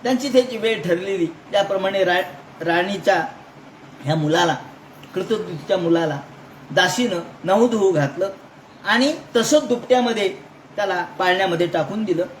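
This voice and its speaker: High-voiced man telling a scripture story. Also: normal speed. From Maharashtra, India. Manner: dramatic retelling that shifts between voices and asides. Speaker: scripture lecturer. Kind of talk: storytelling religious discourse. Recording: echoey room with faint noise.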